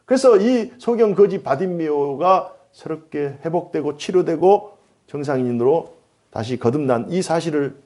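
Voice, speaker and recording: A man's voice: a little high, dark tone. A man preaching a sermon as pastor in a church, driving his points home with repeated, building phrases. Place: church sanctuary.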